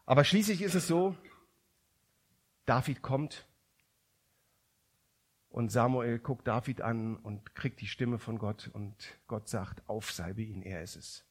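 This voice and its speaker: A man's voice: mid-range voice, slow pace, long pauses. A man preaching a sermon, retelling a story conversationally with frequent restarts.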